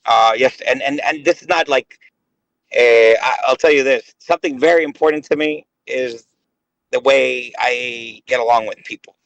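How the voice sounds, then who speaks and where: On a casual voice call, a thirty-something man appearing as a gaming guest rambles hesitantly, leaning on fillers. His medium-pitched voice moves at a moderate pace. There's no room sound, but the high frequencies are cut off.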